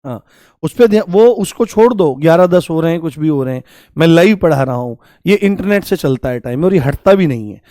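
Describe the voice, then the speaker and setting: Male teacher, high voice, repetitive quizzing, drills pronunciation, dry close recording. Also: lively intonation, fairly quick, mellow, no room sound. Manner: repeats key points and quizzes students with questions; addresses students affectionately and drills pronunciation aloud. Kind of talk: live online exam-prep class.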